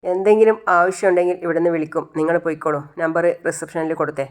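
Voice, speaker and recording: A narrator voicing a calm male hospital doctor who explains things patiently. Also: mid-range voice, fast talker, lightly acted. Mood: reassuring. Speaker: doctor in the story.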